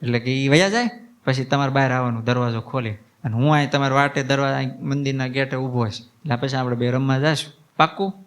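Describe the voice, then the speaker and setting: A man's voice: mid-range voice, fast, clean tone, natural voice. A man voicing a stubborn, playful seven-year-old village boy who talks eagerly and pleads like a child.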